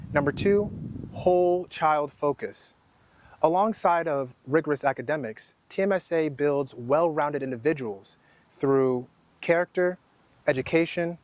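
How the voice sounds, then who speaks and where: A man hosting an interview, reading a scripted introduction in a measured, announcer-like way before asking questions. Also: on the high side. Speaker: podcast host. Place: school building.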